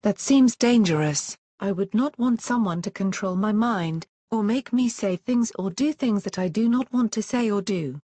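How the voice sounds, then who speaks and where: A woman's voice: mid-range voice, normal speed, hardly any pauses, mellow, dry recording, close to an everyday voice. Synthetic woman as a wary, curious questioner. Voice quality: synthetic, stilted. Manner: earnest, questioning.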